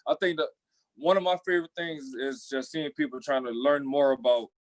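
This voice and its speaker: A man's voice: mid-range voice, fairly even intonation, moderate pace, no room sound, poor audio. A young man, a former college athlete, talking thoughtfully in a panel discussion, often restarting his sentences.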